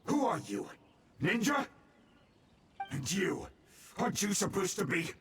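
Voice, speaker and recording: An actor voicing a menacing, short-tempered bandit kidnapper in a video game, with a sneering, theatrical delivery. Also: male voice, sits high, very animated, measured pace, fairly bright tone, distant mic, a little hiss or hum, exaggerated voice. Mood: angry, startled. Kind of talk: English video game voice acting.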